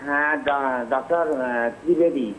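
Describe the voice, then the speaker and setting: A man calling in to a TV show, speaking hesitantly and pausing often. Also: medium pitch, a little hiss or hum, rough recording. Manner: hesitant, many fillers and restarts. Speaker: caller. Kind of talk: phone-in call. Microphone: telephone line.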